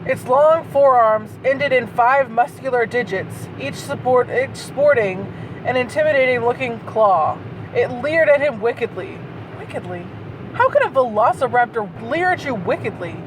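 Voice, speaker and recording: Her voice sits on the high side and is expressive, moving at a moderate pace as she theatrically reads terrible fan fiction and mocks it between passages with incredulous swearing. It's recorded in a moving car, where the road noise comes through clearly.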